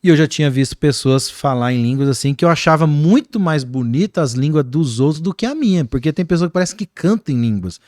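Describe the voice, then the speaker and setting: A man with a Brazilian accent, a guest pastor talking in an animated, preaching-like way on a podcast. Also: on the high side, brisk, few pauses, dry recording, clean studio sound. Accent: Brazilian Portuguese. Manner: animated, acts out quoted voices.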